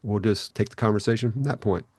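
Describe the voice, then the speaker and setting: A man's voice: fairly low pitch, fast, darkish tone, husky, no room sound, clean studio sound. A middle-aged man hosting a podcast interview and reading an earnest, welcoming introduction. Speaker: podcast host.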